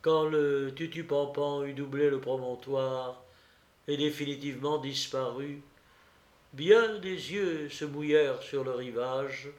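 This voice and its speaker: A man reading a classic novel aloud, slow and deliberate, with an occasional hesitation. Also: medium pitch, fairly even intonation. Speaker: reader. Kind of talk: audiobook narration of a classic novel. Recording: roomy echo.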